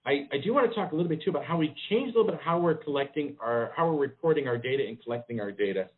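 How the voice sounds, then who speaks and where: A man, a public health official giving a briefing over a conference call phone line, measured and pausing with frequent ums. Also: on the high side, animated. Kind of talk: press briefing.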